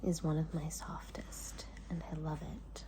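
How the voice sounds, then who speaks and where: A woman hosting ASMR in a soft, hushed whisper, speaking in short unhurried phrases with pauses between them. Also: low-pitched, flat delivery, rough recording. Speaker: ASMR host.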